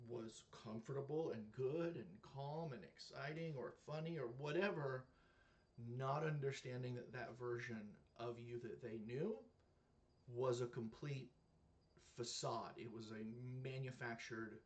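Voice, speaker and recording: A man's voice: medium pitch, measured pace. A man in his thirties or forties giving an earnest, casual reaction commentary to camera, with many fillers and restarts. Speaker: reaction video creator.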